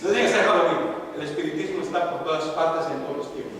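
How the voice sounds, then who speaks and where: A man's voice: steady tone, quick pace. Older male pastor preaching in an echoey hall. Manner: impassioned preaching, swinging from loud cries to low murmurs. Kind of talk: sermon. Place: church sanctuary. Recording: echoey church hall, distant mic, faint noise.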